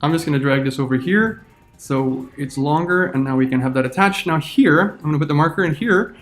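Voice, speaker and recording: A teacher walks through a video-editing lesson, narrating each click as he makes it. His voice sits a little high for a man. Soft music plays faintly underneath. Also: a little fast. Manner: talks through each step while clicking. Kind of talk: screen-recorded software tutorial.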